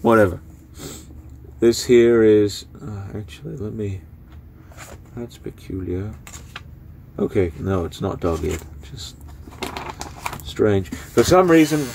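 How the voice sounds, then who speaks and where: A man's voice: on the low side, darkish tone, a little hiss or hum. A young man casually talking through books he is giving away, rambling with lots of fillers. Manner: rambling, filler-heavy, unhurried. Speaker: book vlogger. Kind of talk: casual spoken book review.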